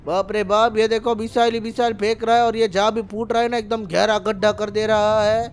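A young man commentating gameplay excitedly, full of loud exclamations. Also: high voice, fairly quick, a little hiss or hum. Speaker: gaming channel host.

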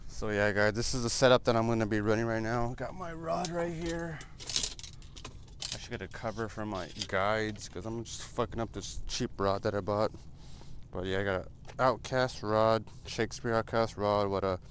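An American vlogger in his twenties, laid-back and rambling, chats casually to camera with a fairly low voice. He's inside a small car and out in open parking lots, recorded on an action camera held at arm's length or mounted, with noisy car and outdoor ambience.

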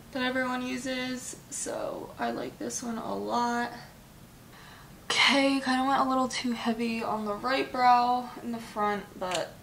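A woman's voice: a little high, a bit bright, slight background noise. A young woman talking casually to her phone camera in a vlog, chatty, with lots of fillers and the odd swear word. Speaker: vlogger. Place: gym, then at home.

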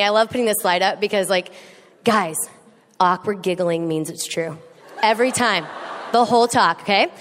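A woman giving a comedic talk to a live audience, animated and teasing, acting out quoted voices. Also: mid-range voice. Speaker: speaker. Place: large hall with an audience. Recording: echoey hall with faint noise.

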